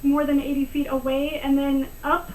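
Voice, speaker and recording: High-voiced woman game master. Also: completely flat delivery, normal speed, a little hiss or hum, poor audio. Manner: easygoing, laughs often. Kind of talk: narrating a tabletop game.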